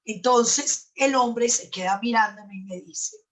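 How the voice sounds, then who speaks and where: A woman's voice: a little high, slow. A middle-aged woman, an NLP trainer, telling a story in a live talk and acting out both sides of a dialogue.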